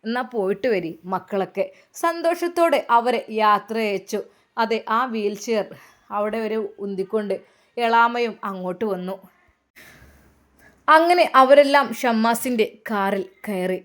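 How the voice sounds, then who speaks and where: A woman's voice: fairly high pitch, expressive, measured pace. A woman with a Malappuram Malayalam accent narrating a serialized family story, closing with religious greetings.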